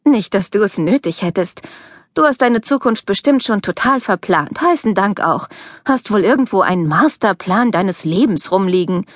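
A woman narrator voicing a sharp-tongued, idealistic young woman student with a wry, teasing manner, in an audiobook. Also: medium pitch, expressive, moderate pace, no room sound, studio quality, close to an everyday voice.

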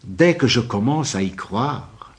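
An older man, a poet, reciting his own verse in a measured, lilting poetry-reading style. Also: medium pitch, lively intonation, slightly rough.

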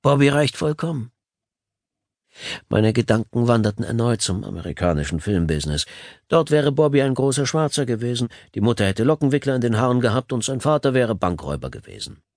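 A man's voice: mid-range voice, expressive, fast talker, a little mellow, dry recording. A man narrating an audiobook in the first person, with a sardonic, dry wit.

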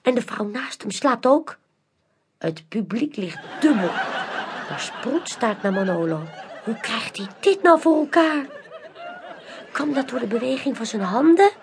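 A woman reads a children's storybook aloud with expressive, animated narration. Her voice sits high and moves a great deal in pitch. She takes her time, giving each sentence room. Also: unhurried, a little hiss or hum. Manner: expressive, animated, carefully paced. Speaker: audiobook narrator.

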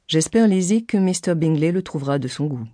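A woman reading an audiobook, voicing a dry, sarcastic middle-aged husband who teases calmly and ironically. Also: low voice, fairly quick, no room sound. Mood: teasing. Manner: calm, teasing, ironic.

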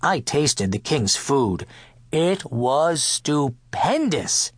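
A man narrating a children's picture book in first person as a dog, playful and expressive. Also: fairly high pitch, very slow, no echo. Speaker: audiobook narrator.

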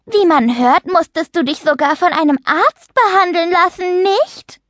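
A woman's voice: sits high, lively intonation, unhurried, no echo, clean studio sound, voice pushed up. A woman voicing sly schoolgirls who tease in a sugary, fake-sweet way. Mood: mocking. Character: mocking teenage girls, sly and two-faced.

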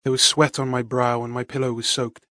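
A man narrating a first-person fantasy audiobook in a measured, dramatic read. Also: medium pitch, little pitch movement, pushed and bright, no room sound, clean studio sound.

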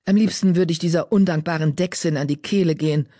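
A man's voice: fairly high pitch, fairly even intonation, quick pace, mellow, dry recording, clean studio sound, lightly acted. A man voicing a frustrated male cat leader who talks hurriedly.

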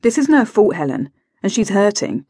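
A woman voicing a weary, grieving middle-aged husband who speaks quietly and subdued, in a dry close recording. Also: medium pitch, very animated, normal speed, no echo.

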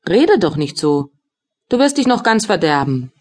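A woman voicing a tender, anxious young woman in an audiobook, speaking gently and caringly to her partner. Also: fairly low pitch, very animated, normal speed. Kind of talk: audiobook dialogue reading.

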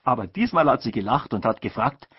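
A man narrating an audiobook as lively, scripted storytelling, in a dull lo-fi recording. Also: medium pitch, fairly quick, husky.

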